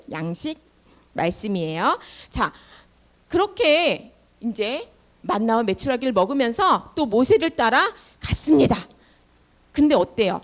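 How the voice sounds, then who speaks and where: A young woman leading a children's sermon, telling a Bible story in animated fashion. Her voice is high and swoops up and down constantly. She keeps turning to the kids with questions. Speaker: children's ministry teacher.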